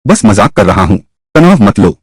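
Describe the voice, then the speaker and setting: A man dubbing a teasing young playboy prince who loves gambling, speaking with a mocking, playful manner and a husky voice. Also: on the low side, big pitch swings, moderate pace, dry recording. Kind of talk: Hindi dub of a drama series.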